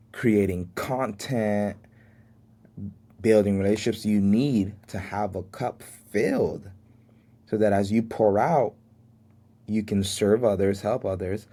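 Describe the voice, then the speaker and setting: A man in his twenties speaks in a warm voice on the low side, hosting a solo reflective podcast. He is from the United States, spoke Haitian Creole as his first language, and shares life lessons in an earnest, faith-filled way, sometimes chuckling at himself.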